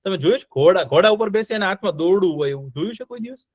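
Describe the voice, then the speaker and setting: A man's voice: high voice, expressive, rapid-fire, dry recording, studio quality. A man telling a history story to children, often stopping to quiz them with check-in questions.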